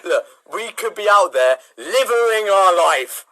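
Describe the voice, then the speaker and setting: A man's voice: sits high, animated, slow pace, bright, forceful tone. A man doing improv comedy banter in an argumentative, barstool-debate manner. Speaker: improv contestant. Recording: noisy mic with clicks.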